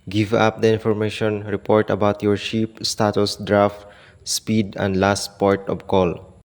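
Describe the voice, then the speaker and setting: A man working as a port control operator, speaking in flat, formal radio procedure heard over a marine radio. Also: on the low side, unhurried, reverberant, long reverb tail. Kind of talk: scripted marine radio exchange.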